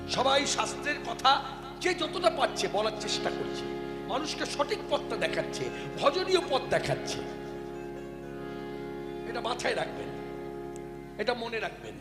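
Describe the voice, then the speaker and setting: A man delivers a devotional sermon, pressing his audience with pointed questions. His voice sits high. It rings with the long echo of a big hall, and instruments play clearly behind him. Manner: addresses the audience with questions, emphatic. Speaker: kirtan preacher. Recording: echoey hall with music behind.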